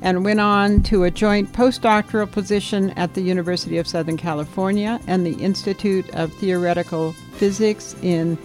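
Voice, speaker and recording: A woman's voice: medium pitch, steady tone, normal speed, few pauses, a little mellow, soft background music. A woman hosting a radio program, reading a scripted introduction steadily and stopping to check pronunciations. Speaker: radio host.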